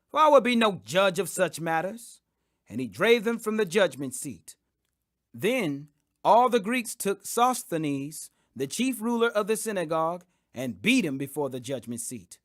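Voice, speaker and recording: Reading the King James Bible for an audiobook, this man uses a high voice with a fairly bright tone. His scripted delivery is emphatic and dramatic, recorded dry at studio quality.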